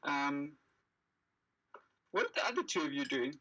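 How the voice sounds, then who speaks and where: A woman's voice: sits low, animated, a little slow, a bit bright, low-quality recording. A woman acting as game master, narrating and questioning players casually in a tabletop roleplaying game.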